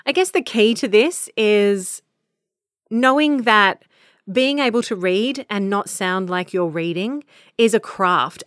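A woman's voice: medium pitch, fairly bright tone, no room sound. Earnest Australian woman coaching, dry close mic. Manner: earnest, direct, practical advice. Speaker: podcast host and voice coach. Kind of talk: conversational teaching monologue.

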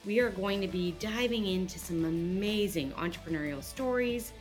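She has a mid-range voice at normal speed. A podcast host from Canada in her thirties, she keeps the hosting and interview chat upbeat and enthusiastic, with light music in the background.

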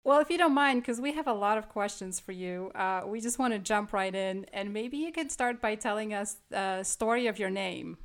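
A woman hosts a casual podcast, talking in a chatty way as she introduces her guest and asks him questions. Her pitch sits in the middle. The room around her voice is noticeably echoey. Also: moderate pace, few pauses. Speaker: podcast host. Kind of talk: casual interview chat. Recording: roomy sound.

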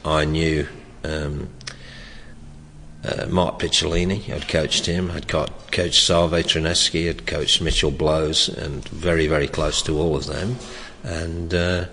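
An older man who once coached soccer reflects in an oral history interview, his very deep, loud voice flat and slow. He speaks hesitantly, restarting sentences and chuckling often. Long reverb and faint background noise color the recording.

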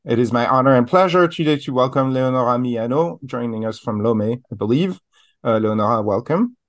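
Male podcast host, formal and measured, hesitant fillers between phrases. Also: mid-range voice. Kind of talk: interview hosting.

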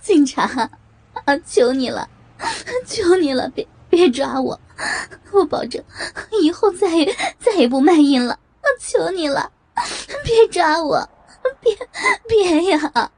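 A woman's voice: sits high, takes it slowly, long pauses, warm tone, no echo, pitched above the performer's own voice. A woman playing a sobbing, stammering middle-aged woman in panic. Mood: panicked crying.

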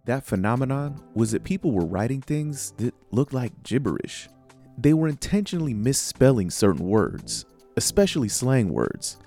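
A man's voice: mid-range voice, big pitch swings, normal speed, mellow, soft background music. A man hosting and narrating a podcast in a conversational, scripted way. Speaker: podcast host and producer.

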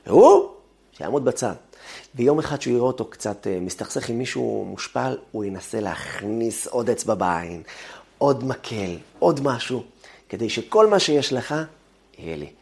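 A man's voice: medium pitch, vocal fry. A man giving a talk on the weekly Torah portion, telling family stories and acting out their quotes. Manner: animated storytelling with acted-out quotes. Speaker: religious teacher.

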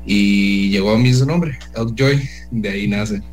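A man, a DJ guest in a casual radio interview, talking hesitantly with many pauses and restarts. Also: fairly low pitch, darkish tone, soft background music, low-quality recording. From El Salvador.

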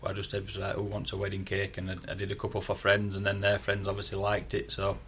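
A man's voice: low-pitched, monotone, fast, a bit bright, slight background noise. A man with a broad Yorkshire accent, a guest telling how he began baking and decorating cakes, in a chatty, rambling way full of restarts. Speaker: cake maker, guest. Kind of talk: casual chat.

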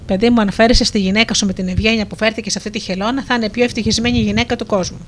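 A woman's voice: medium pitch, fairly even intonation, slight background noise, lightly acted. A woman narrator voicing a kind old fisherman giving fatherly advice to his son. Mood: fond.

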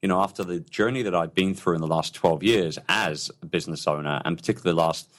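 Deep-voiced man, enthusiastic. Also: fast. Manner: enthusiastic, rambling with many restarts. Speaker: entrepreneur guest. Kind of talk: casual interview talk.

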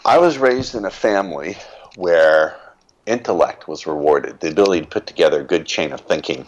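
Older man, very low voice, interview guest, reflective storytelling, emphatic. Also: animated, brisk, lo-fi sound.

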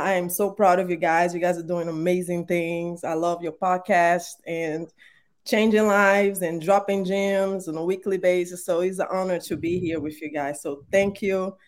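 A woman whose first language is Portuguese, with a Brazilian Portuguese accent, tells her story as a guest on a podcast in a casual storytelling interview. Her voice is fairly low, with fairly even intonation and normal speed. She sounds earnest, warm, and faith-filled, using frequent fillers.

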